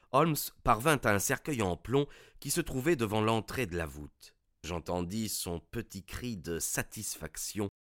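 Low-voiced male story narrator. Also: dry recording, studio quality. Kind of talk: scripted narration of a detective story.

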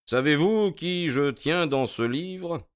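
A self-assured detective, cool and ironic, played by a man who speaks with calm, methodical needling. His voice is smooth and resonant. He delivers in a radio drama manner. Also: a little high, takes it slowly, voice pushed up.

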